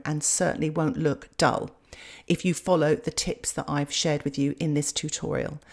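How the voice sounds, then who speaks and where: A woman talks through a painting lesson in a calm, step-by-step way. Her voice sits fairly low for a woman. The delivery is steady, gentle and instructive. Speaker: watercolour art teacher. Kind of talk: narrated painting tutorial.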